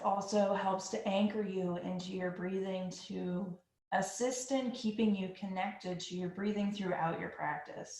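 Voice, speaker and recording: This is guided yoga breathing instruction from a woman whose voice rests at an ordinary mid pitch. She leads the session in an unhurried, gentle, soothing manner, and the echoey room makes her voice ring noticeably.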